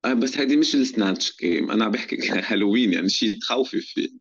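A man's voice: fairly low pitch, animated, rapid-fire, slightly rough, muffled recording. A man with a Levantine Arabic accent in casual chat, slipping often into English slang. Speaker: guest.

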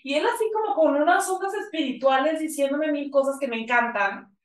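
Recorded at a distance in a reverberant room, a female guest recounts something that happened to her in a high-pitched, fairly quick voice. The conversation is casual, and her telling is emotional, heavy with fillers and full of lines quoted from others.

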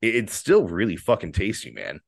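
A man's voice: fairly low pitch, wildly swooping pitch, moderate pace, vocal fry, dry recording, clean studio sound. A man co-hosting a podcast, chatting casually over beers, laid-back and swearing freely. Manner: laid-back, swears a lot, laughs easily. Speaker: podcast co-host. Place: borrowed house, indoors.

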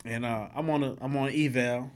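A man's voice: medium pitch, normal speed. A young adult man, a police officer, talking casually and acting out traffic stops, swearing freely in slangy speech. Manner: animated storyteller, acts out both sides of traffic stops. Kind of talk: casual podcast chat.

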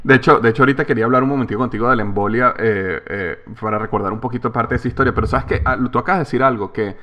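A man's voice: medium pitch, racing. A man hosting a podcast, talking in an emphatic, repetitive way in a casual interview conversation. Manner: emphatic, repetitive, animated storytelling. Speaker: podcast host.

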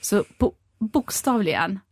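A woman in casual chat, telling an animated story and acting out quoted phone calls. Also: medium pitch, breathy edge, dry recording, clean studio sound.

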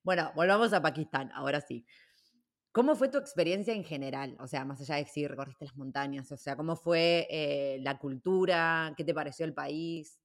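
A woman's voice: deep voice, normal speed. A woman with an Argentine accent hosting a podcast interview, effusive toward her guest. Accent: Argentine Spanish. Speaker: podcast host. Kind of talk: casual interview chat.

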